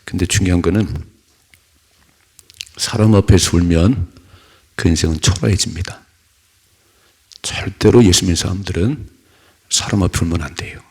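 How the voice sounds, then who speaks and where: A man's voice: deep voice, moderate pace, long pauses, a little mellow, breathy edge. A male pastor giving an early-morning sermon in a church, preaching conversationally with rhetorical questions and personal stories.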